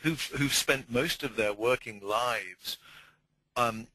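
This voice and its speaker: A man's voice: mid-range voice, slow, bright, forceful tone, breathy edge, dry recording, poor audio. A man, a communication trainer, explaining his ideas conversationally in an interview and often repeating words as he searches for the phrase.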